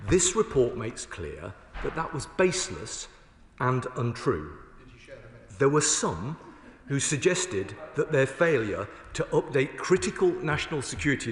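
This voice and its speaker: Man, government minister, parliamentary debate, combative formal rhetoric, emphatic phrasing, mid-range pitch, strong room echo. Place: large indoor parliamentary chamber. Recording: echoey, reverberant large chamber.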